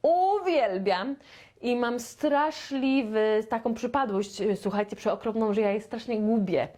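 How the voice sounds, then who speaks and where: A woman from Poland teaching a beginner English lesson, chatty and playful, stretching out her model sentences very slowly. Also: on the high side, a little mellow. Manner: slow, deliberate, with very drawn-out model sentences; chatty and playful, with sound effects.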